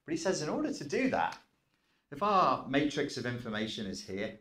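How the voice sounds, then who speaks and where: A man explains self-help ideas in a relaxed, informal lecture, chatty and self-aware, and he slips in the odd swear word. His voice sits at an ordinary middle pitch. The room gives it a noticeable echo. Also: normal speed. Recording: roomy echoing sound.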